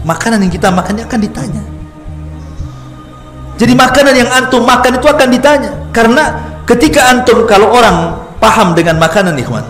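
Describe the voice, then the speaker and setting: A man with a notably high voice delivers a casual religious lecture, telling stories with lively humor and acting out quotes. His voice rings through an echoey room with faint music underneath. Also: a little fast, long pauses. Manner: lively storyteller, jokes with the audience, acts out quotes. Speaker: Islamic preacher.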